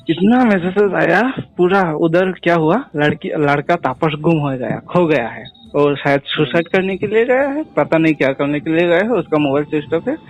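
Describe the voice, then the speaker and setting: A young man telling a personal story in casual chat, animated, laughing often and acting out the dialogue. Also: a little high. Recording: dull lo-fi sound with faint music.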